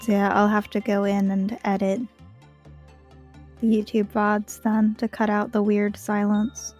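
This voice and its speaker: A woman's voice: mid-range voice, monotone, a little slow, a little mellow, soft background music. Blunt young woman on a streaming headset. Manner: blunt and swears freely. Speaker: art streamer. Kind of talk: casual chat while drawing on a livestream. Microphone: livestream headset mic.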